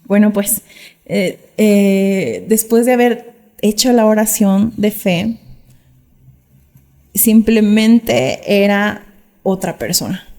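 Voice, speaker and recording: This young vlogger relates her testimony on camera outdoors, heartfelt and earnest, occasionally mimicking quoted voices. She speaks slowly in a warm mid-range voice with long pauses, and the camera mic picks up a long reverb tail.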